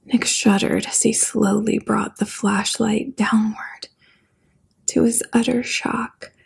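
Woman, whispered role-play, horror storyteller, gravelly, dark mellow tone. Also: on the high side. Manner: soft-spoken, slow horror narration.

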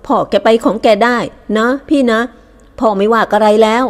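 A woman voices a restless teenage boy who pleads to tag along with his older brother. His voice is raised, loud and begging. It is an audiobook reading. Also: a little high, moderate pace, natural voice. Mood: pleading.

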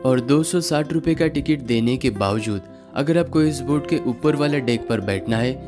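Guy doing travel vlog voiceover, steady explainer tone, guitar music behind. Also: medium pitch, normal speed. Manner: steady informative narration. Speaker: travel vlogger. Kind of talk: scripted travel guide voice-over. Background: clear guitar music.

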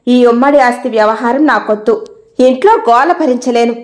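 A woman's voice: on the high side, moderate pace, natural voice. A woman voicing a grown son who speaks curtly and bluntly in a storybook reading. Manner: curt, blunt.

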